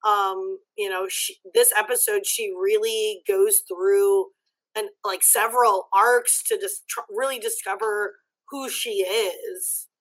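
A woman guest co-host talks slowly, weighing her points with careful hedges. Her pitch is mid-range and her pace is relaxed. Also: poor audio. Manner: unhurried, thoughtful, hedging. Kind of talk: casual chat.

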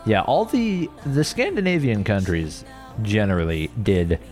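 Deep, slow man with swooping pitch. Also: huge pitch swings, a little mellow, soft background music. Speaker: podcast co-host. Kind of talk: casual chat.

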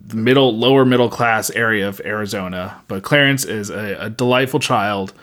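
A man's voice: on the low side, moderate pace, fairly bright tone. A man co-hosting a podcast in casual chat, rambling with many fillers and restarts. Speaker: podcast co-host.

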